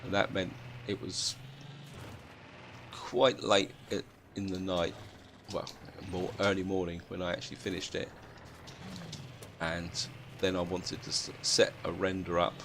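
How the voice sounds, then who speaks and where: Hosting a let's-play, a British man who sounds half asleep chats casually over his game in a deep, creaky monotone. He speaks a little slowly with frequent pauses, against noticeable background noise.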